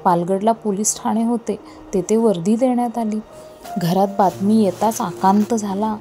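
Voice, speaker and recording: A woman reading an audiobook in a measured, expressive storytelling style. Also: mid-range voice. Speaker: audiobook reader. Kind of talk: storytelling narration. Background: soft music.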